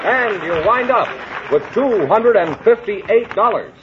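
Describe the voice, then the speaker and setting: A man's voice: sits high, expressive, a little slow, a loud crowd, heavy background noise. A man announcing on a quiz show, reading scores and introductions in a polished, upbeat manner. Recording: lo-fi vintage broadcast recording with audience.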